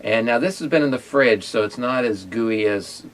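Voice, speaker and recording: A man hosting a casual food tasting video, talking in a halting way with many pauses and fillers. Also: mid-range voice, slight background noise. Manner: hesitant, many fillers and restarts. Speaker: ministry owner and host. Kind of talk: casual chat and taste test.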